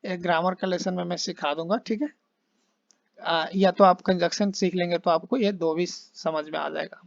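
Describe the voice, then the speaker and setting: Male tutor, casual explainer who drills phrases slowly, lo-fi close sound. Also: sits high, fairly even intonation, creaky, no echo. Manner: explains slowly, models English phrases with exaggerated intonation. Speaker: English teacher. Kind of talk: casual spoken English lesson in Hindi.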